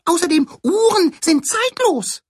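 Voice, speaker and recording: A woman's voice: high-pitched, sing-song, dry recording, clean studio sound. A woman playing an eager young cuckoo. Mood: cheerful, lively. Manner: chirpy, quick to cheer others up. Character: eager young male cuckoo learning to fly. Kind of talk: audiobook character voice.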